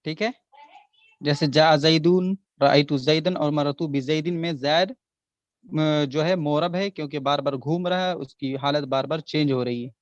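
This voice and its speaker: A man's voice: fairly high pitch, a little slow, no room sound, muffled recording. A man teaching Arabic grammar in an online class, patiently repeating examples and checking that students follow. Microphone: online class audio.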